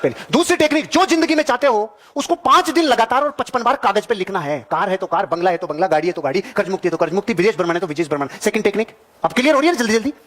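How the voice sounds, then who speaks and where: A man's voice: high voice, animated, rapid-fire, a bit bright. A man giving a motivational seminar talk to a live audience, emphatic and repetitive, calling on listeners directly. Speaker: motivational speaker.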